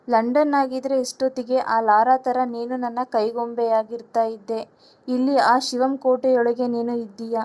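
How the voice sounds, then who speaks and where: A woman voicing a cruel, lecherous drunk young man who taunts in a low, menacing tone. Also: darkish tone, lightly acted.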